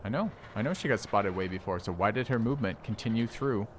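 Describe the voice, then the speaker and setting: A man's voice: on the low side, fast talker, slight background noise. A man streaming a strategy game, thinking aloud in casual commentary, puzzled and now and then swearing at the game's rules.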